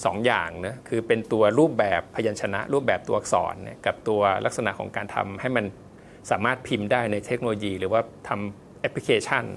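A man's voice: on the low side, fairly even intonation, fairly quick, creaky, slight background noise. A man, a font designer guest, giving polite, step-by-step explanatory answers in an interview, with loose casual fillers.

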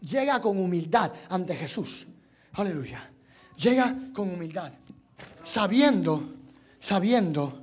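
A male evangelist with a strikingly high voice preaches to a congregation. He moves between Spanish and English, and he climbs from low, confiding talk into fervent, shouted appeals. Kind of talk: impassioned sermon. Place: church service.

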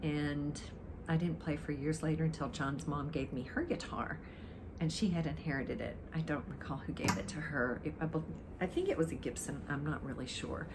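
A woman's voice: deep voice, moderate pace. An older woman with a dry throat chats casually to the camera in a rambling, reminiscing way, as an amateur guitarist. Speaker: amateur guitarist introducing a song. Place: living room, indoors, on a sofa. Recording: clearly noisy home recording.

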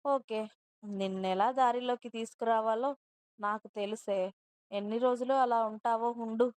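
A woman's voice: a little high, steady tone, normal speed, a little mellow, clean tone, no echo, lightly acted. A woman reading a harsh domineering husband. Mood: bossy. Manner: bossy, scolding and threatening. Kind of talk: storybook narration with dialogue.

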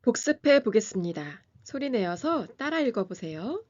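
A woman hosting a music lesson, reading a scripted lesson and pronouncing German terms slowly and carefully. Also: on the high side, big pitch swings, darkish tone, highs cut off. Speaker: piano teacher and channel host.

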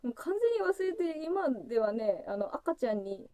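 In a dry, studio-quality recording, a woman in her thirties hosts a casual solo livestream, opening gifts from fans. Her warm voice is very animated at a normal speed, and she chats freely and giggles, often bursting into laughter as her voice jumps high.

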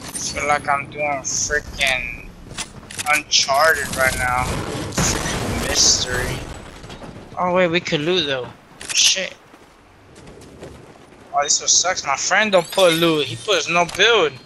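A man's voice: fairly high pitch, takes it slowly, long pauses, bright, forceful tone. A young man chatting casually as he streams a game, talking in sweary frat-bro slang over game noise. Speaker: gamer streaming to viewers. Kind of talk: casual live gaming chatter. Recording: noisy game sound behind voice.

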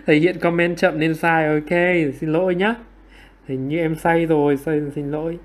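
A man teaching online English over a livestream quiz, prodding students for their answers and laughing off his own mistakes with quick apologies. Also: fairly high pitch, level tone.

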